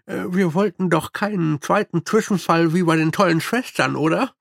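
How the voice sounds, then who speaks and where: A male audiobook narrator plays a deadpan army captain, giving the character a higher pitch than his own reading voice, slow, drily ironic, and marked by hesitant fillers. The recording is close, dry, and creaky.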